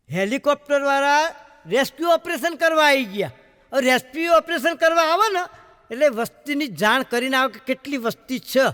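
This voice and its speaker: A man with a Gujarati accent telling jokes on stage, animated and playing the people in his stories. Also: very high voice, big-room sound. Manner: animated storytelling, voicing characters in dialogue. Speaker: stand-up comedian.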